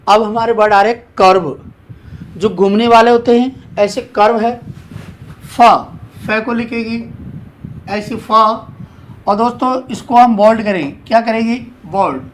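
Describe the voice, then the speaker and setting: Slow, high-voiced teacher. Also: male voice, slight background noise. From India. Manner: repetitive, asks and answers his own questions. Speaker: shorthand teacher. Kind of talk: classroom lesson, explaining at a board.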